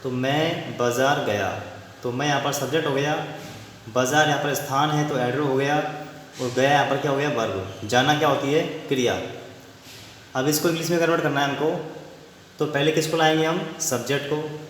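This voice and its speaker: A man's voice: a little high, steady tone. Man teaching grammar in an echoey room. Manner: repeats question-and-answer prompts, slows to dictate examples. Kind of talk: classroom grammar lesson. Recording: very echoey room with long reverb, faint hiss.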